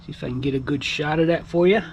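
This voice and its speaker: A man's voice: on the high side, fast, a little mellow, slight background noise, low-quality recording. A man casually vlogging outdoors in his backyard, rambling and repeating himself with lots of fillers. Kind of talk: casual vlog chat.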